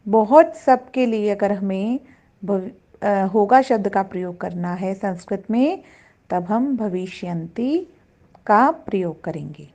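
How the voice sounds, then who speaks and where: A woman's voice: medium pitch, animated, slow, mellow. A woman teaching a Sanskrit grammar lesson to children, patiently reciting verb forms one by one.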